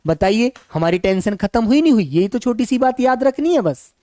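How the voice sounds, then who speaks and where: Male tutor, sore hoarse throat, calm and fond with students, dry close sound. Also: extremely high pitch, no room sound. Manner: calm, unhurried, affectionate to students. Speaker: teacher. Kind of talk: online exam-prep class.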